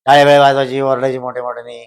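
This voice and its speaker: Older guy telling old stories, smooth clean voice, slow, says things twice. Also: mid-range voice, flat delivery. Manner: slow, repeats phrases for emphasis. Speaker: guest, host's father. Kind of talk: casual storytelling.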